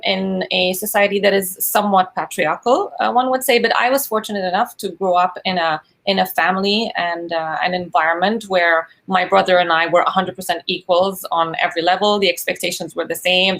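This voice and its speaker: Low gravelly-voiced woman from Egypt. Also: a bit bright. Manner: thoughtful, searching for words. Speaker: guest, social entrepreneur. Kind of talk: podcast interview.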